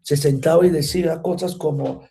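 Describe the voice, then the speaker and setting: A man's voice: fairly high pitch, fairly even intonation, normal speed, gravelly, dark tone. Man teaching a church class. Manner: engages listeners with frequent rhetorical questions. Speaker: Bible teacher.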